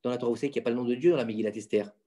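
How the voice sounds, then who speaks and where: A man explaining religious stories to his children in a casual home lesson, animated and quizzing them with questions. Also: medium pitch, rapid-fire. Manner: insistent, keeps the floor. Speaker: father teaching his children.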